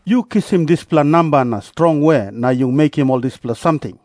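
A man's voice: on the high side, normal speed, darkish tone, no echo, studio quality, close to an everyday voice. A man with a Papua New Guinean accent playing a challenging, suspicious chief priest in an audio Bible drama. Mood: demanding.

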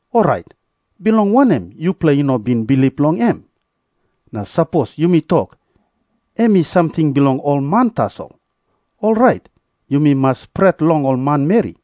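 Suspicious Papua New Guinean priest, mellow. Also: male voice, fairly high pitch, no room sound, clean studio sound. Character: challenging, suspicious male chief priest. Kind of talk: scripted audio Bible drama.

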